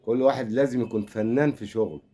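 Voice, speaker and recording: In a rapid-fire, mellow voice of medium pitch, an older man with an Egyptian accent delivers a comic football rant as a fan commentator. He wanders from point to point, teasing and pretending to console.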